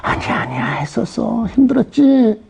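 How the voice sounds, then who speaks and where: A man's voice: sing-song, normal speed, creaky, breathy edge, full character voice. A man doing a tender, soothing father God. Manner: soft, low and soothing.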